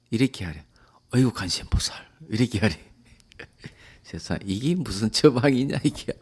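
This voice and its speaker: A man, a Buddhist monk, giving a calm dharma lecture that often trails off softly at the ends of phrases. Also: mid-range voice.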